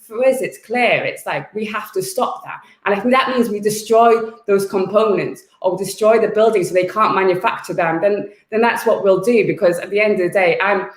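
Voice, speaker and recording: A woman's voice: mid-range voice, normal speed, hardly any pauses, echoey room. A woman activist raised in the UK, talking fervently and bluntly as a guest in an interview, repeating words as she presses her points. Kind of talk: impassioned interview talk.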